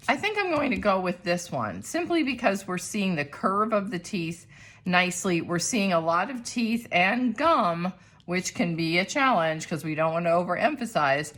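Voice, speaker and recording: A woman's voice: fairly low pitch, a bit bright. A middle-aged woman, an art teacher, explaining a drawing lesson in a chatty, demonstrative way.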